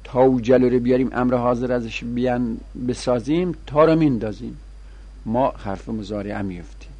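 A man leads a grammar lesson with a husky, slightly breathy voice. He chants long lists of verb forms in a sing-song rhythm, then explains the rules in plain talk. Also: mid-range voice, mellow, highs cut off. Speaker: teacher. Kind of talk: Arabic grammar lesson, conjugation drills.

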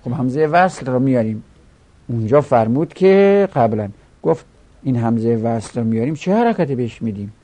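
A man's voice: medium pitch, expressive, mellow. A man teaching a grammar lesson, explaining step by step and chanting word forms aloud.

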